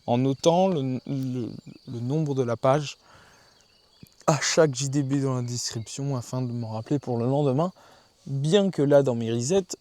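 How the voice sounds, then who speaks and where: Outdoors in the countryside, a man with a medium-pitched, dark-toned voice keeps a casual video journal. He thinks aloud and keeps restarting his sentences.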